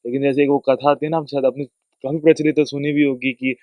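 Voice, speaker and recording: Male student, respectful and deferential, mid-pitched, dull dry podcast mic. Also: little pitch movement, fast, no room sound. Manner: respectful, brief affirmations, deferential. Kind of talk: podcast conversation.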